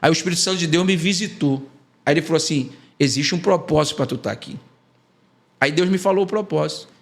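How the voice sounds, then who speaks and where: A man's voice: fairly high pitch, quick pace, vocal fry. A man from Brazil, an evangelist giving an emotional testimony on a podcast and acting out the dialogue. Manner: animated storytelling, acting out quoted dialogue. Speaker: evangelist guest.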